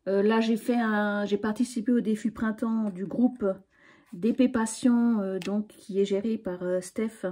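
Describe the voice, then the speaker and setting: A woman's voice: medium pitch, steady tone, unhurried, mellow. A middle-aged woman from Alsace, chatting casually and rambling with frequent hesitations in a craft vlog. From Alsace, France. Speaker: craft vlogger. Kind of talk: casual spring tag chat.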